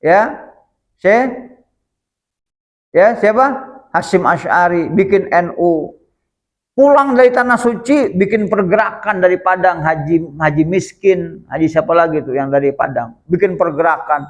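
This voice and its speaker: A male Islamic teacher giving a religious study lecture in a prayer room, storytelling in a lively way and often addressing his listeners directly. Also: sits high, measured pace.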